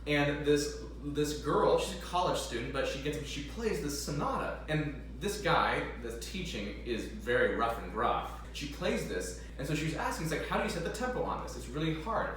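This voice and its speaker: A young adult organist chats casually while practicing in a large, echoey room, occasionally swearing and humming along with the music. His mid-range voice is expressive, a bit bright, and quick with hardly any pauses, picked up by a distant mic with the organ behind and slight background noise.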